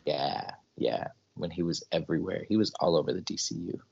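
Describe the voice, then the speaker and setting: Very deep, gravelly man, animated. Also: lo-fi sound. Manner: enthusiastic, quick agreeing interjections. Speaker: podcast co-host. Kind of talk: casual comic book discussion.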